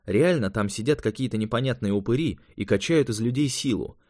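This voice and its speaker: A man's voice: mid-range voice, brisk, a little mellow, no room sound, clean studio sound, close to an everyday voice. A man voicing an eager young male mage in an audiobook, talking in a raised, explanatory way.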